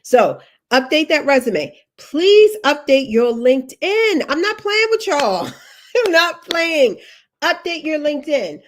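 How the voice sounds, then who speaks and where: A woman with a high voice speaks slowly, her pitch swinging widely. She's a career coach livestreaming while sniffly from allergies, emphatic in her advice, repeating key instructions and adding chatty asides.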